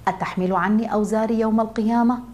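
A woman storyteller voicing a pious, humble male caliph of old, speaking gently and earnestly inside her narration. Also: on the high side, fairly even intonation, racing, close to an everyday voice.

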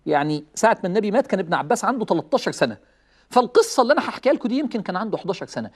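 Fast, husky Egyptian preacher. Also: male voice, sits high. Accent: Egyptian Arabic. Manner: animated, chuckling, acts out quoted lines. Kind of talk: lively religious talk with storytelling.

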